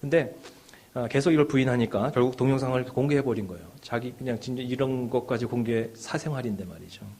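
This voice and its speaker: A man's voice: medium pitch, fast. Middle-aged male pastor with a mid-range voice, chatty sermon delivery, rhetorical questions, swells and drops in volume. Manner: conversational preaching with frequent "네" and "예" fillers; rhetorical questions, rising and falling in loudness.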